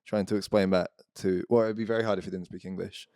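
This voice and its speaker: A man's voice: low-pitched, steady tone, fast talker, a little mellow. A man co-hosting a podcast in casual chat, thinking aloud hesitantly and trailing off. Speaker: podcast co-host.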